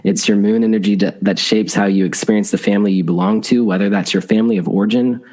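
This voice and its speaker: A man's voice: on the low side, fairly even intonation, fast talker, a little mellow. A man hosting a casual podcast interview, asking long, thoughtful questions. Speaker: podcast host.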